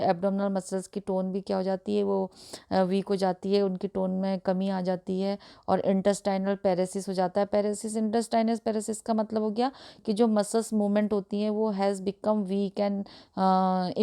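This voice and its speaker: A woman teaching a nursing lesson, explaining slowly with frequent pauses, filler sounds and restated terms. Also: mid-range voice, gravelly, warm tone, smooth. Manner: hesitant, fills pauses with "uh", repeats and restates terms. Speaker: nursing tutor. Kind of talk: explanatory lecture in Hindi mixed with English terms.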